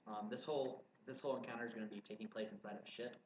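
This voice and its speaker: Low-voiced male game master, patient explainer, echoey room with steady background hum. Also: racing, lo-fi sound. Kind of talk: narrating a tabletop game.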